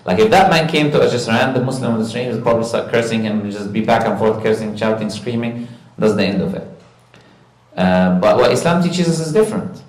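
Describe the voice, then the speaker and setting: A man earnestly telling a story in conversation, animated and sprinkled with religious phrases. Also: lowish voice, brisk. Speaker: guest recounting a live stream encounter. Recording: roomy echo.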